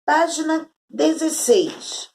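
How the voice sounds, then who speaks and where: A Brazilian woman teacher giving an online Portuguese lesson to children, reading words aloud slowly one by one. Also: sits high, gravelly, a little mellow, a little hiss or hum. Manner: slow, drawn-out words read aloud one by one.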